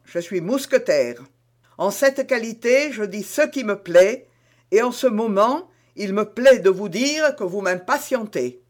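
A man reading the part of a witty, sly young musketeer with a smooth, teasing manner in an audiobook. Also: sits high. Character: witty, sly young male musketeer who longs for the priesthood.

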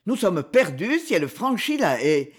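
Brief: a man voicing a jittery, cautious old professor in an audiobook, husky voice. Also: high voice, very animated, moderate pace, exaggerated voice. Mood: wary. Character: nervous, skeptical older male scientist. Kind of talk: audiobook character reading.

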